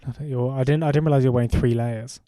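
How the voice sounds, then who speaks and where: A young adult man, a comedian co-hosting a podcast, riffing on absurd ideas in a deadpan casual way. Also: mid-range voice, quick pace, no room sound.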